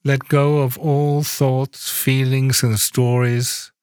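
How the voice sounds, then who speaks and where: Male meditation guide, unhurried and soothing, mid-pitched voice, dry close sound. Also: smooth, no room sound. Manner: calm, soft-spoken instructions with long pauses.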